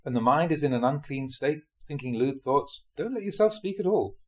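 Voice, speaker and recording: With a mid-pitched, lively voice, a monk narrates translated Buddhist teachings from a prepared text in audiobook fashion. He phrases things deliberately, in short, measured clauses.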